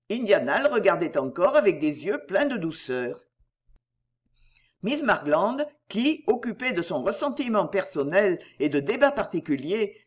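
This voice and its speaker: A narrator reading a classic novel aloud in an expressive, even-paced style. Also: medium pitch, breathy edge. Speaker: audiobook narrator.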